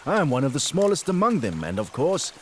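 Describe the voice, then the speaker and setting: A man's voice: fairly high pitch, huge pitch swings, fairly quick, a little hiss or hum. An actor dubbing a sly, sarcastic male court spy in a historical drama. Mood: mocking. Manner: mocking, sarcastic. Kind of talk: English dub of a historical drama.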